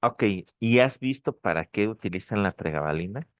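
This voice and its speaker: Low-voiced man teaching pharmacology online. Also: expressive, moderate pace, no echo, studio quality. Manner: repeats key points, checks in with "ok?". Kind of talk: online lecture. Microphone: dry close mic, online session.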